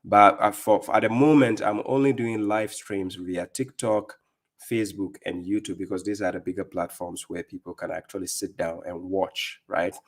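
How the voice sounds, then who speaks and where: A middle-aged man with a Ghanaian accent hosts a live-stream religious talk in a fairly low voice, with a level tone and moderate pace. He speaks firmly and emphatically, frequently pausing to ask his viewers "right?".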